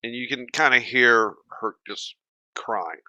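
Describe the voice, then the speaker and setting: Slow, bright-voiced man narrating a game. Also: mid-range voice, no echo, dull audio. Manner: slow, hesitant narration with fillers. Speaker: game master.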